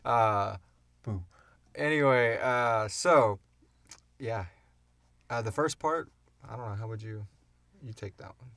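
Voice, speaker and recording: A middle-aged podcast host and audio drama creator chats casually in a casual Q&A from his home podcast studio, rambling and self-deprecating. His medium-pitched, slightly bright voice moves slowly with frequent pauses, and the recording is dry.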